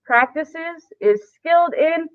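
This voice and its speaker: A woman's voice: very high voice, expressive, slow, no room sound. A woman teaching a live class lesson, explaining step by step in a casual, chatty way. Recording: tinny phone-like sound.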